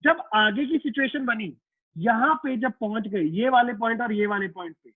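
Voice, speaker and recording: Casual male physics teacher with a very high voice, dry, tinny line, talking through a circuit problem with his class. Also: normal speed, no room sound. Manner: repeats himself and voices students' questions to himself; casual, addresses students as "beta" and "yaar". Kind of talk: online class lecture.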